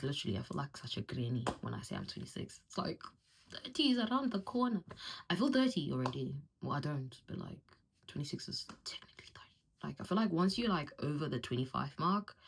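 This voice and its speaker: A woman's voice: sits low, huge pitch swings, brisk, slight background noise. A woman in her twenties from Zimbabwe, raised in Africa, chatting casually and rambling with lots of fillers in a self-introduction vlog. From Zimbabwe, raised in South Africa. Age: 20s. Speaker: vlogger.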